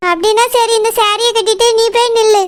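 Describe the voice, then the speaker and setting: A performer voicing a caring, insistent older sister in a cartoon, talking quickly and coaxingly. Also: very high-pitched, flat delivery. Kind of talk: cartoon voice acting.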